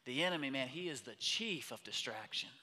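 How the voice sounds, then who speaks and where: Preaching in a church auditorium, this man talks in a conversational way that swells into passionate intensity. His mid-range voice is expressive, brisk, pushed and bright, wrapped in long hall reverb.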